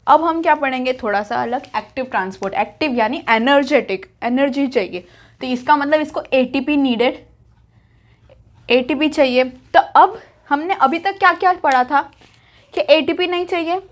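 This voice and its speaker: A young woman teaching a biology lesson at a whiteboard, chatty and repetitive, asking questions and answering them herself. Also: high-pitched. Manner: chatty, repeats key terms, asks and answers herself.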